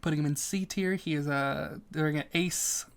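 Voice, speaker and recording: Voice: mid-range voice, steady tone, moderate pace, clear, resonant tone. Jokey YouTuber talking through a tier list. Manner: chatty and jokey, muttering to self, swearing; swings between loud outbursts and quiet asides. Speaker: YouTuber ranking characters. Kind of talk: casual tier-list commentary.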